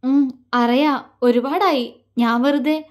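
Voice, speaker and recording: A woman's voice: high-pitched, steady tone, takes it slowly, darkish tone. A woman voicing a heartbroken young woman in love, speaking in a faltering, tearful way.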